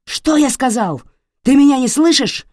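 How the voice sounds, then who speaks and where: A woman's voice: mid-range voice, big pitch swings, measured pace, mellow, dry recording, pitched above the performer's own voice. A violent, furious father bellows his threats in this storybook reading, voiced by a woman. The voice lurches wildly up and down as he rages. It is recorded dry and close, with no room sound. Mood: furious shouting. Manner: roaring, threatening. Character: violent enraged middle-aged father.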